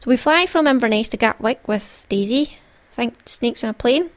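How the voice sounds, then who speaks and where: A woman's voice: fairly high pitch, lively intonation, normal speed. A Scottish woman hosting a solo craft podcast in a playful, conversational, jokey way. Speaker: podcast host.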